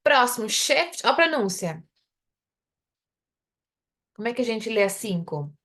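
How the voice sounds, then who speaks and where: A young adult woman with a Brazilian Portuguese accent, teaching an English lesson live online. She explains in Portuguese and says the English example phrases slowly and carefully. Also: on the high side, sing-song, a bit bright.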